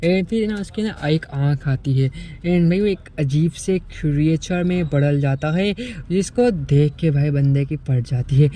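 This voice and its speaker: A man's voice: on the high side, a little slow, mellow. A man casually retelling a comic in a chatty, buddy-style recap. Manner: chatty, keeps saying "bhai". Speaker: manga explainer.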